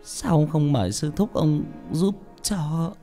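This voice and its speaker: A man's voice: medium pitch, expressive, normal speed, a little mellow, faint music behind, pitched above the performer's own voice, natural voice. A man voicing an anxious elderly wife who pleads with her husband in a worried voice, in an audiobook.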